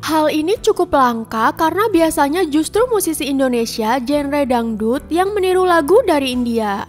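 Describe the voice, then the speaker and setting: High-voiced woman narrating a channel. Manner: upbeat, casual, addresses viewers directly. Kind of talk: scripted narration.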